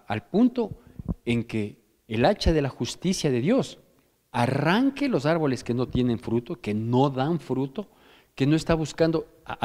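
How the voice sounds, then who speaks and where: A man's voice: medium pitch, a little mellow, big-room sound. A male pastor with an Ecuadorian Spanish accent preaching a firm, exhorting sermon, often restarting and asking "¿sí?". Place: church hall.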